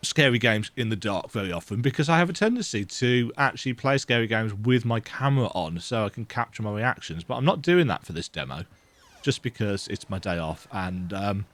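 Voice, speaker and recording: A gaming video host with a bit of a cold plays a horror game at home in a dark room with the lights off, offering chatty, self-deprecating let's-play commentary. His voice is fairly low and a bit bright, very animated, and a little fast.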